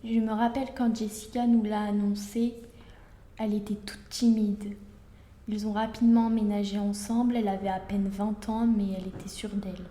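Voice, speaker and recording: A woman's voice: mid-range voice, little pitch movement, normal speed, dark tone, reverberant, close to an everyday voice. A woman playing a devoted mother in her fifties, speaking tenderly. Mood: fond. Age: 50s. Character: fond middle-aged mother, 50s.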